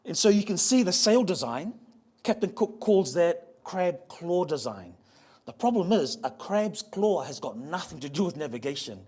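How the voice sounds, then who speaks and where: Husky and a little mellow, this man's slightly high voice swings widely in pitch as he talks about ocean voyaging heritage at a museum venue. He jokes with the crowd, slowly spelling out pronunciations and having them repeat the words.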